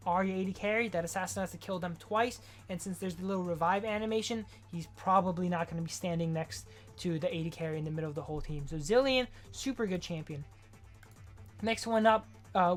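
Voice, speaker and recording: A woman giving casual, rambling game commentary as a gaming video host, with slangy, offhand asides. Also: lowish voice. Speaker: gaming YouTuber.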